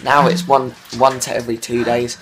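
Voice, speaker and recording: A man's voice: medium pitch, flat delivery, normal speed, a crowd in the background. A teenage boy casually explaining things to camera as a vlogger. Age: teens. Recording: echoey, distant camera mic, clearly noisy.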